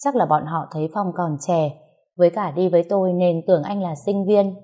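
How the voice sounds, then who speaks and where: A woman telling a first-person story in a bitter, heated way. Her voice sits low and sounds mellow. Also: fairly even intonation, normal speed. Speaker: narrator. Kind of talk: storytelling narration.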